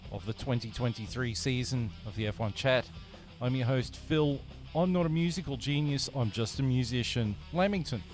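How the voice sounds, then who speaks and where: A man hosting a casual podcast, joking and laughing often with his co-hosts. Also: medium pitch. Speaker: podcast host. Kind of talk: casual banter.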